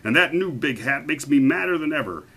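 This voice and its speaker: A man's voice: on the high side, lively intonation, fairly quick, sharp tone, a little hiss or hum, voice pushed up. A man voicing a spiteful, bullying grand duke in a read-aloud storybook, snapping his lines.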